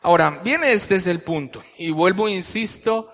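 A man's voice: high-pitched, animated, normal speed, vocal fry, fairly bright tone. A man preaching a teaching sermon, methodically explaining Bible verses and asking many rhetorical questions. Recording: long hall reverb.

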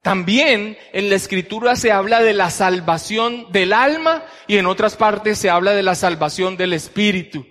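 A man's voice: sits high, expressive, moderate pace, few pauses, a bit bright. A man preaching a teaching sermon, methodically explaining Bible verses and asking many rhetorical questions. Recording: long hall reverb.

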